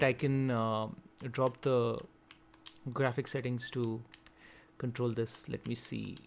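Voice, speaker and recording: A man hosting a gaming video, giving quick, chatty gameplay commentary and thinking aloud as he goes through the settings. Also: mid-range voice. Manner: quick talker.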